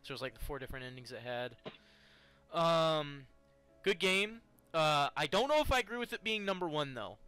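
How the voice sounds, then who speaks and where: A man's voice: fairly high pitch, expressive, moderate pace, bright, forceful tone, clean tone, no echo, soft background music. A man co-hosting a casual gaming chat, emphatic and playful. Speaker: co-host.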